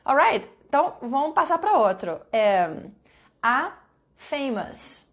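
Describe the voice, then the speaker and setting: A woman teaching English to Brazilian students in a live online class. Her voice sits somewhat high, and she patiently repeats each example slowly, praising her students by name as they answer. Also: sing-song.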